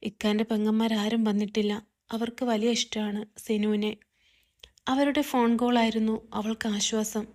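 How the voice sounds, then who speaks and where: A woman narrating a scripted family story in a calm, steady reading voice. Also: fairly high pitch, normal speed.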